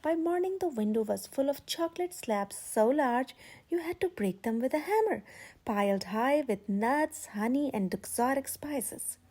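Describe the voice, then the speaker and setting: A storytime host reads a picture book aloud to children in a high, mellow voice with a breathy edge, its pitch swooping expressively. Speaking a little slowly, she stresses key words for dramatic effect in animated read-aloud narration.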